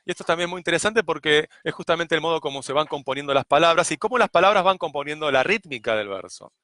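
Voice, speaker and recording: Bright-voiced poetry teacher. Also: male voice, a little high, animated, no room sound. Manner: measured, demonstrates rhythms with sung syllables. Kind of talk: explanatory lesson on poetics.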